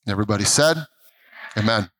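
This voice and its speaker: A man's voice: lowish voice, lively intonation, fast talker, fairly bright tone, no room sound, low-quality recording. A man, the pastor, introducing a guest speaker and leading a prayer at a church service, emphatic and repeating words as he builds up.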